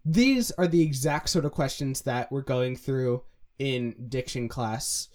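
A man's voice: mid-range voice, a little slow, a little mellow. A young man co-hosting a music breakdown, explaining the pronunciation of vowels and demonstrating the sounds himself. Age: young adult. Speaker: music analysis co-host. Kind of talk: casual analytical chat.

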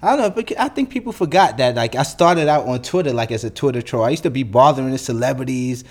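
New dude on his podcast, cussing, venting hard, regular pitch. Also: expressive, quick pace. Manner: profane, blunt, heated ranting. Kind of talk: solo podcast monologue.

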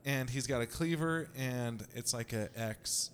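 A man's voice: mid-range voice, measured pace, slight background noise. A young man hosting a podcast in a casual, joking way, swearing and laughing often. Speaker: podcast host.

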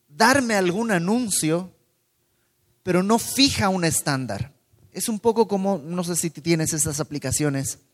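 A man preaching a sermon in a calm teaching tone, posing rhetorical questions to his listeners. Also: high-pitched. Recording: long hall reverb.

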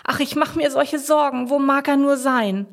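A woman's voice: fairly high pitch, lively intonation, a little fast, pitched above the performer's own voice. A woman voicing a flustered, worried older woman in a children's story, breathless and fretful.

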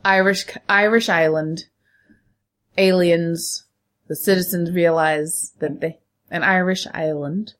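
A woman with a fairly low voice and a stuffy, cold-blocked nose chats casually as a podcast co-host. She jokes bluntly and speaks freely, in an off-the-cuff way. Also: fairly even intonation, takes it slowly, a bit bright. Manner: joking, blunt, swears freely. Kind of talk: casual banter and film chat.

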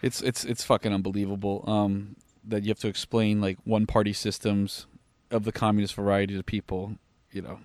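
Fast-talking tired man. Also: lowish voice, level tone, darkish tone, dry recording. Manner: profane, rapid rants with frequent fillers. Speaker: podcast co-host. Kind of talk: casual podcast chat.

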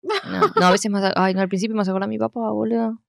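A woman's voice: mid-range voice, creaky, dry recording, clean studio sound. A woman with an Argentine Spanish accent, co-hosting a casual chat and telling stories with animation. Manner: animated, fast storyteller. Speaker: podcast co-host.

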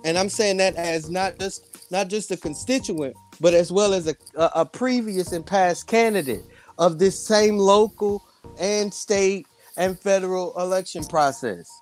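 A man hosting a casual interview, speaking haltingly and repeating phrases for emphasis. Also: high-pitched, soft background music. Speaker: interview host.

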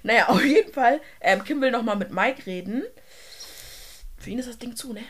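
A woman's voice: on the high side, animated, normal speed. A woman co-hosting a podcast, talking in casual, slangy, emphatic gossip. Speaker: podcast co-host.

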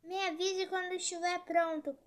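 A woman voicing a big, boastful male forest spirit in a storybook tale, loud and proud. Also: very high-pitched, little pitch movement, moderate pace, pitched above the performer's own voice.

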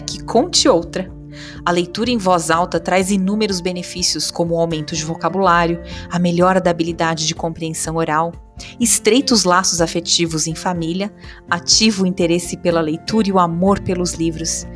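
A woman's voice: lowish voice, normal speed, soft background music. A woman reading limericks aloud for children in a playful storyteller manner, speaking directly to the listener.

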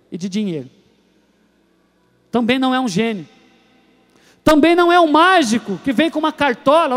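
High-voiced male preacher telling stories. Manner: storytelling, acts out voices, swings between soft and loud. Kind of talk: sermon.

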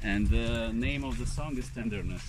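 A man's voice: medium pitch, unhurried, heavy background noise. A man in a casual walking chat, hesitant and searching for words.

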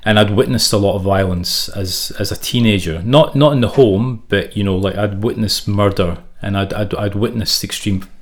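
Middle-aged male guest from southern Africa, lowish voice, frank and halting, full of restarts. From South Africa and Zimbabwe. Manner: halting, many restarts and repeated words. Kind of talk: candid interview talk.

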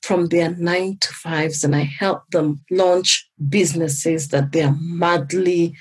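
Husky-voiced woman from Kenya, emphatic testimonial. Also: lowish voice, steady tone, takes it slowly, low-quality recording. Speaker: business coach.

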